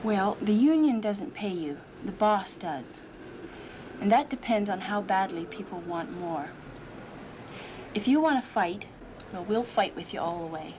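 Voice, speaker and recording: A woman's voice: medium pitch, expressive, a little slow, background noise, natural voice. A woman playing a frank union organizer. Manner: plain-spoken, matter-of-fact. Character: practical female union organizer, frank and supportive.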